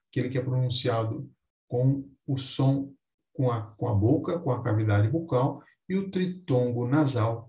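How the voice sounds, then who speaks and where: A man teaching a Portuguese grammar lesson, speaking slowly and deliberately and stressing each example word. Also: mid-range voice, mellow, reverberant.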